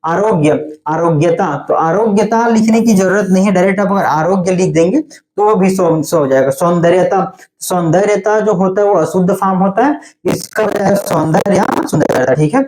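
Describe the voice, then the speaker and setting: A male teacher giving an online Hindi spelling class. He explains slowly and patiently, often stopping to ask whether it is clear. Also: high voice, darkish tone, slight background noise. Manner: explains patiently, often says "theek hai" to check in.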